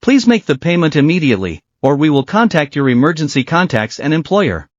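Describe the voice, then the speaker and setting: A man's voice: on the high side, very animated, fairly quick, no echo. A man voicing an automated debt-collection phone call, a cold and relentless recorded announcement. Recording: dry, dull lo-fi voice.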